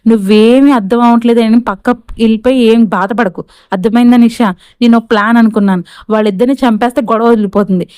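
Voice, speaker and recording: A woman's voice: on the high side, steady tone, quick pace, a little mellow, smooth, no room sound, close to an everyday voice. Lady reading a scheming young villain guy, plotting and persuasive, dry close sound.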